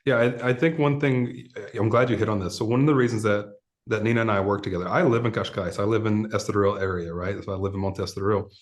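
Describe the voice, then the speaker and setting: A man's voice: on the low side, fairly even intonation, fast talker. A man hosting a casual interview, upbeat and affirming with his guest. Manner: upbeat, affirming, short encouraging backchannels. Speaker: host.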